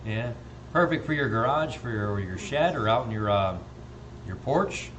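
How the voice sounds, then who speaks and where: Male auctioneer on a live stream; steady repeated bid chant, friendly asides, light noise underneath. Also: medium pitch, normal speed.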